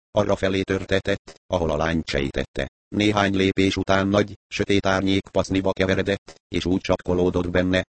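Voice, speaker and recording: A man reading a novel aloud as narrator, in a steady, even way. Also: deep voice. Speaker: audiobook narrator. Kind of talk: scripted narration.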